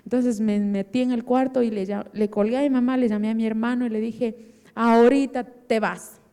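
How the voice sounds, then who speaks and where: A woman's voice: on the high side, fairly even intonation, fairly quick, mellow, clean tone, in a large hall. A middle-aged woman giving an emotional personal testimony in church and vividly acting out remembered dialogue. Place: church hall.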